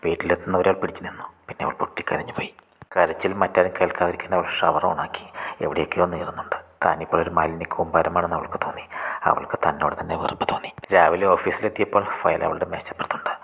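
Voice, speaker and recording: A man telling a short story in a hushed, half-whispered storytelling style. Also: deep voice, flat delivery, quick pace, gravelly, husky.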